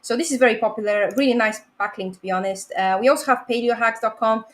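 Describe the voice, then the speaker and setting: A woman presenting a domain review on a live show, upbeat and quick to laugh. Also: fairly high pitch. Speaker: domain analyst guest. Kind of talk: casual live-stream presentation.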